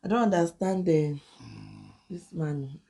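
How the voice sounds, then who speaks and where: A woman's voice: lowish voice, a little slow, warm tone. A young woman with a Nigerian accent, co-hosting a food vlog and teasing her husband in casual chat. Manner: teasing, scolding, Pidgin-mixed chatter. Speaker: vlog co-host.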